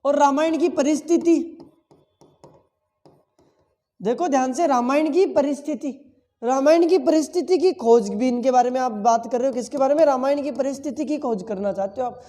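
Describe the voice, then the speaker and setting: A man's voice: very high voice, moderate pace, warm tone, big-room sound. A male teacher giving an exam-prep lesson full of memory tricks, asking questions and answering them himself and repeating key words several times.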